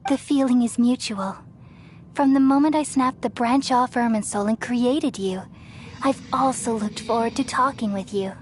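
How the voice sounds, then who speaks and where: A woman voicing an ancient, motherly goddess of wisdom who speaks calmly and soothingly in a game cutscene. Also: fairly high pitch, slight background noise, lightly acted. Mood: serene. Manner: calm, measured and soothing. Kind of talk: video game cutscene dialogue. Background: game score music.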